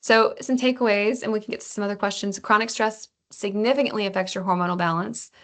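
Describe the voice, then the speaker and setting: A woman presenting a health webinar in a relaxed, chatty way, often restarting her sentences. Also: mid-range voice, fast talker. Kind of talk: casual webinar lesson.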